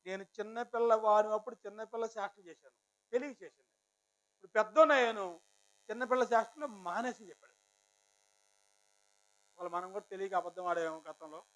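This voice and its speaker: A man's voice: extremely high pitch, fairly bright tone. A man preaching a sermon to a village church congregation, firing rhetorical questions at his listeners and addressing them politely. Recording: dull lo-fi recording.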